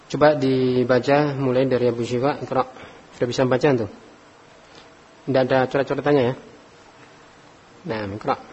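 A man's voice: mid-range voice, steady tone, normal speed, long pauses, a little mellow, a little hiss or hum. Patient male Arabic teacher in hall. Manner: patient, calls on students by name, sprinkles Arabic phrases. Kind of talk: classroom Arabic grammar lesson. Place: study hall with students. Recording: dull recording with long hall reverb.

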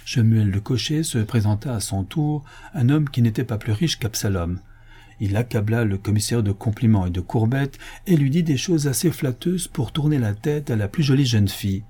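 A man reading a story aloud as narrator, in a measured, expressive manner. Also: mid-range voice, breathy edge. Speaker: audiobook reader.

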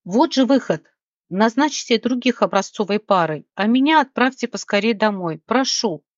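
A woman's voice: fairly high pitch, lively intonation, moderate pace, dry recording, lo-fi sound, lightly acted. A woman voicing a miserable young woman who begs tearfully to be sent home, in an audiobook. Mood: pleading. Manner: tearful begging.

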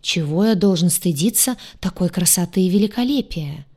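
A confident male ruler from a fantasy romance, dreamy and teasing, as a woman narrator voices him. The voice is somewhat low and stays close to her own reading voice. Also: expressive, normal speed, a little mellow.

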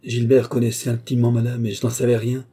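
Brief: acrimonious philosopher, voiced by a male narrator, dark and husky. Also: mid-range voice, completely flat delivery, quick pace, pitched above the performer's own voice. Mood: bitter. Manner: sour, acrimonious. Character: bitter, suspicious aging philosopher.

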